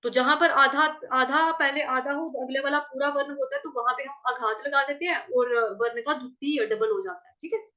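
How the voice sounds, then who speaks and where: A woman teaching Sanskrit verse pronunciation, patiently repeating syllables, chanting lines slowly and asking if everyone follows. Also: high voice, sharp tone, dull audio. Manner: patient, repeats syllables and asks checking questions. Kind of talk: recitation lesson with chanted verse examples.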